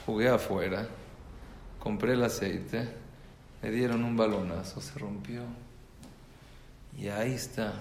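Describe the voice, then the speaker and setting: A man's voice: fairly low pitch, steady tone, measured pace, gravelly, pauses often, darkish tone, a little hiss or hum. A man telling a story to an audience of mothers, repeating words for emphasis and acting out the characters' voices. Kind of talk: storytelling talk. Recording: echoey room, faint ambience.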